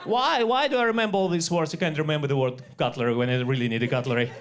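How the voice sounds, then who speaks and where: Russian-accented man, halting stand-up. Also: on the high side, some chatter behind. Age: 40s. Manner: halting deadpan delivery with many fillers and restarts. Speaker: stand-up comedian. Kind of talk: stand-up comedy set. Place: comedy club stage.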